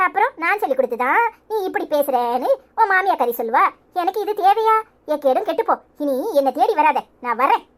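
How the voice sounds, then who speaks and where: Woman voicing a mocking, sharp-tongued cartoon mom from Tirunelveli, high and swooping. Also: expressive, fairly quick. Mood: scolding. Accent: Tirunelveli Tamil. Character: scornful scolding mother, middle-aged woman.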